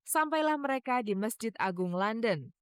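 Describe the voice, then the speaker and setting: A woman narrating a TV feature in a measured, dramatic voice-over. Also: fairly high pitch, expressive, smooth, no room sound. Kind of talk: scripted TV narration.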